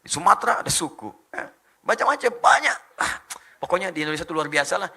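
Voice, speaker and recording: A middle-aged man preaching a lively sermon, animated and joking, firing off rhetorical questions to the crowd. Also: sits high, quick pace, husky. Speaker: Islamic preacher.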